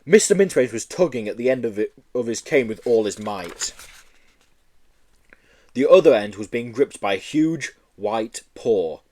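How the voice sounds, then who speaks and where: Brief: man narrating a children's book, expressive and lively. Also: medium pitch, normal speed. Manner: animated, acting out the story. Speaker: audiobook reader. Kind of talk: storybook narration.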